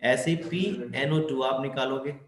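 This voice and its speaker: A man's voice: medium pitch, measured pace. A man teaching chemistry, who asks his students questions and answers them himself, with English terms mixed into his Hindi. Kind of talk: explanatory lesson. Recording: echoey room with faint ambience.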